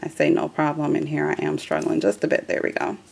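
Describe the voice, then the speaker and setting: A woman's voice: low-pitched, completely flat delivery, fairly quick, vocal fry, a little mellow. A woman hosting a craft video, chatting loosely with many ums as she shows her work at a table. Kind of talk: casual craft walkthrough.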